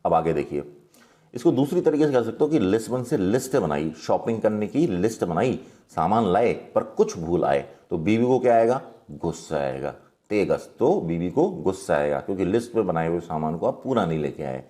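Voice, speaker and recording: A man, teaching general-knowledge memory tricks in a lively storytelling way. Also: low-pitched, moderate pace. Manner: lively, storytelling, acts out little quotes.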